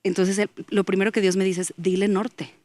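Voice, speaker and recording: A woman's voice: medium pitch, level tone, a little fast, warm tone. A woman, a guest giving an earnest faith testimony as she tells a story and acts out the dialogue in it.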